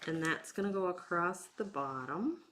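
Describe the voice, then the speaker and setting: Heavy background noise surrounds this woman, a bingo night host and craft instructor, as she casually demonstrates a craft one step at a time. She talks in an unhurried, informal way while working with her hands, her voice on the low side with lively intonation.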